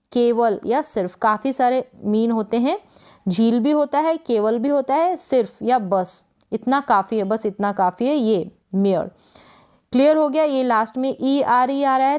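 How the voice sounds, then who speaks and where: A woman teaching English pronunciation in Hindi, patiently repeating each word and asking quick check questions. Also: fairly high pitch, a little mellow. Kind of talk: spoken lesson.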